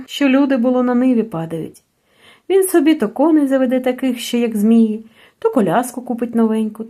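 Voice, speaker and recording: A woman reading a sad short story aloud in an expressive, mournful storytelling manner. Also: a little high. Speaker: reader. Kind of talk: audiobook narration.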